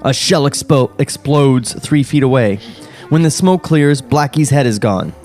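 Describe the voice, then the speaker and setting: A man hosting a podcast reads a script's stage directions aloud at a table read, wry and dry, chuckling and slipping in sarcasm. He speaks unhurriedly in an expressive, mid-range, slightly mellow voice. Faint music plays behind, and he uses a studio podcast mic.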